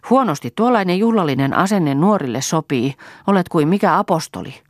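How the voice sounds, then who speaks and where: A sharp-tongued young woman mocks and teases in a high, light voice, as a woman puts her on while reading. Her pitch sits well above the reader's own voice. The sound is dry and close to the mic. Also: lively intonation, no room sound. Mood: teasing.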